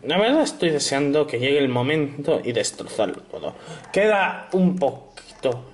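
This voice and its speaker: A man's voice: on the high side, sing-song, moderate pace, a little hiss or hum. A young man narrating a puzzle video game, playful and jokey, humming nonsense syllables between remarks. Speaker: gameplay narrator. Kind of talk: narrated let's play commentary.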